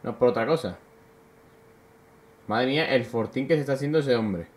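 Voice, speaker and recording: Excitable young gamer. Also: male voice, mid-range voice, moderate pace, a little hiss or hum. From Spain. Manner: excitable, swears often, bursts into loud shouts. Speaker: gaming youtuber. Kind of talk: gameplay commentary.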